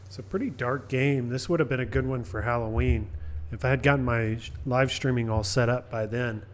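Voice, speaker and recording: A man's voice: medium pitch, brisk, a little hiss or hum. A man giving casual commentary as he livestreams a video game. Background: game music.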